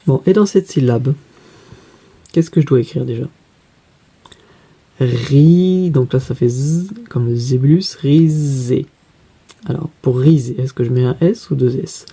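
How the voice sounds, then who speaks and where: A male teacher with a very dark, mellow voice and a husky edge. He talks through a spelling lesson patiently, asking a question and then answering it himself step by step. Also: medium pitch.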